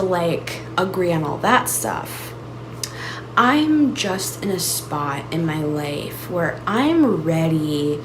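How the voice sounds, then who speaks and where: A woman hosting her own channel, musing aloud in a searching, reflective solo monologue full of restarts and "like"s. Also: low voice. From United States. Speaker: channel host. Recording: audible background noise.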